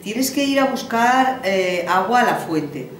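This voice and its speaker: A woman voicing a mother who slowly warns her daughter, in a roomy recording taken from a distance. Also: fairly high pitch, expressive, a little hiss or hum. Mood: warning.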